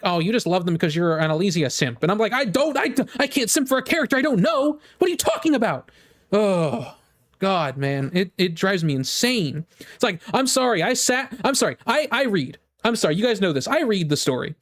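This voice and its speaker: This game streamer has a high, sing-song voice and talks fairly quickly. Casual and rambling, he delivers forceful opinions in fan-rant fashion to his viewers, repeating himself and dropping "like" constantly.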